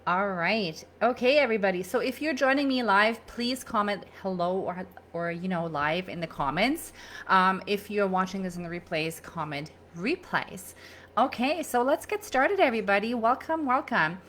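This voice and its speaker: A woman's voice: mid-range voice, lively intonation, normal speed, a bit bright. A middle-aged woman from Germany, hosting a live-streamed wellness talk in a chatty, upbeat way with frequent fillers. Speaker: holistic nutritionist hosting a live challenge. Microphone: own microphone.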